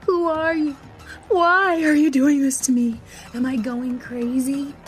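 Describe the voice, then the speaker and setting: A woman's voice: fairly even intonation, measured pace, faint music behind. A woman doing a panicked, terrified man. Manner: high, panicked questions. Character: terrified grown man pleading with an unseen ghost.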